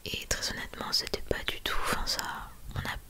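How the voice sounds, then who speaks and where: A young adult woman speaking in a hushed, library-quiet whisper, presenting items in a soft ASMR style. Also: fairly quick. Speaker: ASMR video creator.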